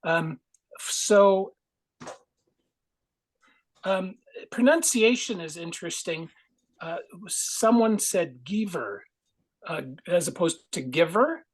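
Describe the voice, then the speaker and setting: A Canadian man gives a grammarian's report at a speaking club, musing and digressing like a friendly explainer. His high-pitched voice is expressive and slow, broken by long pauses. The audio quality is poor.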